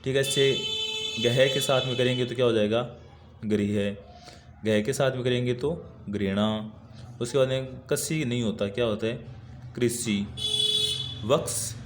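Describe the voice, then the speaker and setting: A man's voice: medium pitch, a little hiss or hum. A male teacher going through workbook answers, patiently repeating each word as he writes it and explaining.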